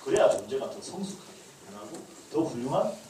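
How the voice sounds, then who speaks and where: The pastor here has a warm, mid-range voice with big pitch swings and a quick pace. He delivers a humorous lecture to a leadership school class, acting out dialogue as he goes, and the echoey recording comes from a distant mic with faint noise.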